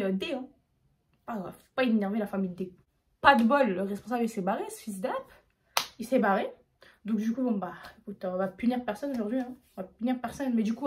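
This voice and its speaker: A young woman from France tells a story from her own life in a rapid, casual vlog manner. She talks in slang and jumps into other people's lines as she tells it. Her voice sits at a middle pitch and races along. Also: slight background noise. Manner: fast, slangy, animated retelling. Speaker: YouTuber.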